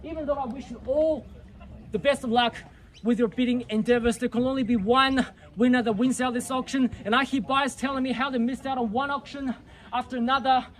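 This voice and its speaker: Very high-pitched male property auctioneer. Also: fairly even intonation, fairly quick, a bit bright. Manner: showy, rallying patter urging bidders. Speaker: real estate auctioneer. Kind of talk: live auction calling, repeating bid amounts. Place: live property auction before a crowd.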